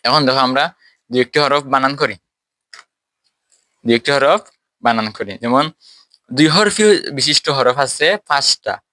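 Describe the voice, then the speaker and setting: A man teaching a tajweed class, explaining step by step and quizzing his students, with slow drawn-out letters. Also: mid-range voice, sharp tone, dry recording. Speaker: Quran recitation teacher.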